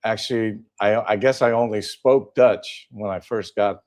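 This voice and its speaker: An older man from Southern California, with a fairly low voice, is the guest in a relaxed, casual interview. He speaks hesitantly, pausing often with "uh" and restarting his sentences as he goes.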